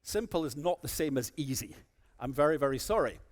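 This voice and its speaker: A man giving a conference talk, telling an anecdote with lively sarcasm to an audience on stage. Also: fairly high pitch, fairly quick. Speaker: conference speaker.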